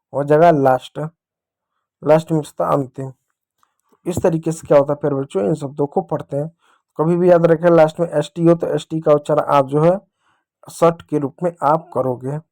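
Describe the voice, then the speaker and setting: A patient Indian man teaches a phonics lesson for children, speaking to them directly and repeating things often. His voice is a little high and mellow.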